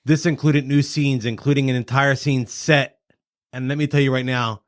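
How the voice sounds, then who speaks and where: A man's voice: medium pitch, fairly even intonation, normal speed, no room sound, clean studio sound. A man hosting a podcast, introducing the pick and reading off movie facts from his notes in casual chat. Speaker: podcast host.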